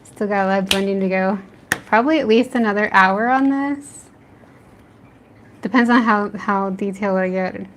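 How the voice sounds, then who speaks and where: An art streamer, a woman from the US East Coast with an American accent, chats casually with her live chat while drawing at home late at night, often laughing between remarks. Her voice is medium-pitched and moderately paced, with long pauses. The recording is rough, with slight background noise.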